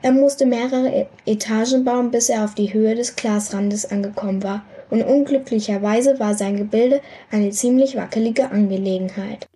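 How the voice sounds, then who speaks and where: A woman reads a children's book aloud with a lively storyteller's manner. Her voice sits fairly high. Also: moderate pace, few pauses. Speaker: reader.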